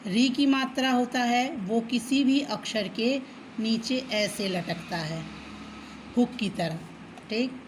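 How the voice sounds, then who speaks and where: A woman teacher patiently explaining a children's lesson, often checking in with a quick okay and drawing words out slowly to sound them out. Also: on the high side, a little hiss or hum, low-quality recording. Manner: slow, drawn-out syllables when reading words aloud. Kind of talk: children's Hindi alphabet lesson.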